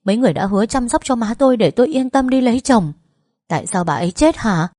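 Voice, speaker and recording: A woman voicing a grief-stricken young wife who shouts sharp, bitter accusations in a storybook reading. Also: fairly high pitch, lively intonation, fast talker, no room sound, clean studio sound, pitched above the performer's own voice. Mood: furious.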